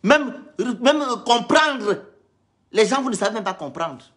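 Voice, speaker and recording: A woman's voice: on the high side, animated, unhurried. A woman from Gabon, scolding and lecturing her viewers in a heated, repetitive live-stream rant.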